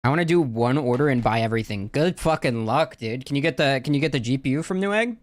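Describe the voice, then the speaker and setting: A man's voice: medium pitch, expressive, quick pace, no echo. A man talking casually as a livestream host, in a slangy, profane frat-bro manner.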